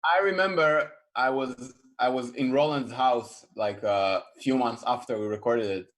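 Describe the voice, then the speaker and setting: A man's voice: mid-range voice, normal speed, fairly bright tone. Man, band member, laid-back and drawling on a video call. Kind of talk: casual chat on a video call.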